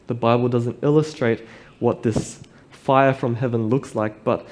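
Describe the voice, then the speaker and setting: A man's voice: medium pitch, a little mellow. Man preaching at a pulpit microphone. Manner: reads scripture aloud and reflects on it. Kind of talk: sermon.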